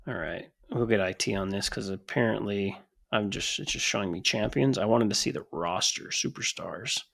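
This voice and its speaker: Gravelly-voiced man co-hosting a wrestling podcast. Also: lowish voice, normal speed, fairly bright tone. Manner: blunt, swears freely, talks over his co-host. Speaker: podcast co-host. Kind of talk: casual chat.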